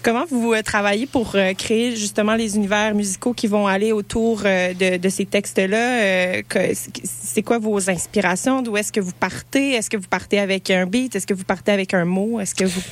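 A woman's voice: mid-range voice, steady tone, normal speed, few pauses. A woman hosting an interview, asking questions in a conversational style. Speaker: interviewer, host.

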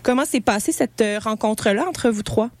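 A woman's voice: fairly high pitch, normal speed, slight background noise. A woman hosting an interview, asking questions in a conversational style. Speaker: interviewer, host.

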